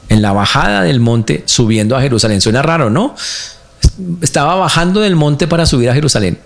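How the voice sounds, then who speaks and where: A man's voice: medium pitch, creaky. A man preaching a sermon to his congregation, asking them rhetorical questions as he goes. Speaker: pastor.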